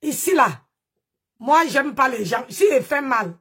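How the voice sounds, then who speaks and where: Female streamer, high voice, strained throat, loud mocking gossip rant. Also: animated, a little slow, slightly rough. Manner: mocking, scolding, exclaiming. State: nursing a strained voice. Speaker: live streamer.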